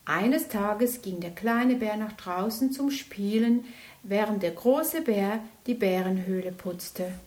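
Slow, gentle woman reading a bedtime story. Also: medium pitch. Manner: gentle, unhurried.

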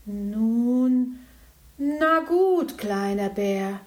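A big, caring parent bear from a bedtime storybook, calling out long and loud as if from a distance, as a woman reader puts it on. Slow and drawn out, with a gentle, kindly manner underneath. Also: fairly high pitch, expressive. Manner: calls out from afar, then soft and gentle.

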